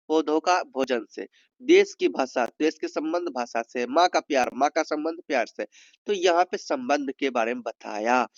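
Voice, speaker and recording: A man's voice: fairly high pitch, no room sound. Man teaching an exam lesson, muffled. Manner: explains step by step, asks students questions. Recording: dull, muffled sound.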